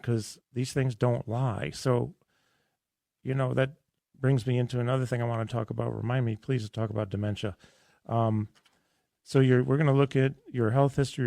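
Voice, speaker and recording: Hoarse, raspy man hosting a radio show. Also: medium pitch, dark tone, no echo, clean studio sound. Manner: enthusiastic, rambling with restarts. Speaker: radio health show host. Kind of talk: casual radio talk. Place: radio studio.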